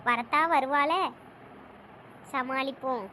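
A woman's voice: sits high, steady tone, slow pace, sharp tone, a little hiss or hum, voice pushed down, exaggerated voice. A woman voicing a scheming elderly mother-in-law, muttering asides in a sketch.

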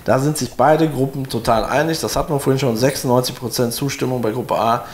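With a steady tone and a mid-range voice, a man in his forties speaks a little fast as he walks viewers through a results screen of poll results. He's seated indoors in a room with window blinds, talking loosely and chattily with lots of fillers and restarts, over a little hiss or hum.

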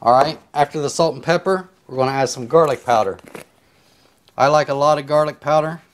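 A man giving a casual cooking tutorial in his home kitchen, chatting in a relaxed, rambling way as he chops and seasons, recorded on a lapel mic. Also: fairly high pitch, fairly quick. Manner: relaxed, rambling step-by-step explanations with filler words. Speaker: home cook. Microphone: clip-on lapel mic.

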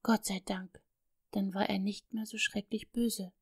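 A woman narrating an audiobook of a classic children's story, expressive and storytelling, dipping into soft whispers. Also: mid-range voice, a little slow, breathy edge, no echo, clean studio sound.

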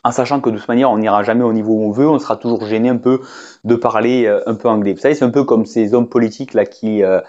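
French-speaking male teacher, casual talk to camera, halting and chatty, slightly muffled recording. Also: on the low side, steady tone, darkish tone. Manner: hesitant, many fillers and restarts, conversational. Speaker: English teacher. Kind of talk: casual spoken lesson to camera.

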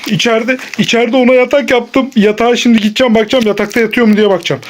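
A man playing pretend with his child at home, animated and coaxing in a family vlog. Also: very high-pitched, racing, slight background noise. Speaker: father. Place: at home, indoors.

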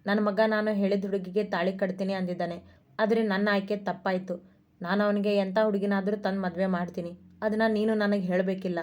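Give me a dignified middle-aged mother, stern and steady, as a woman narrator plays her. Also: mid-range voice, a little fast, natural voice.

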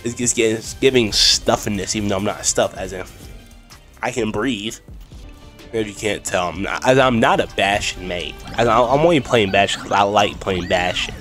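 Playing a game at home, a young man with a cold-stuffed voice chats casually with viewers and mutters to himself. His voice is on the low side and fairly bright, at normal speed; a desk mic with a headset catches it along with the game's music and sound effects.

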